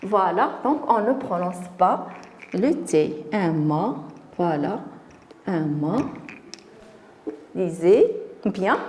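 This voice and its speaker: A woman's voice: on the high side, darkish tone. A woman teaching a spelling lesson, repeating words and stressing them carefully for her pupils.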